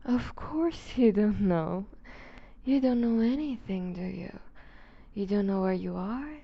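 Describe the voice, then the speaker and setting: A woman playing a seductive, predatory vampire duchess in an intimate ASMR roleplay, refined, teasing and condescending, with a breathy voice that slips toward a whisper. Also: medium pitch, expressive, muffled recording, exaggerated voice. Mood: coy, condescending. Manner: refined, teasing, condescending, deliberate formal diction.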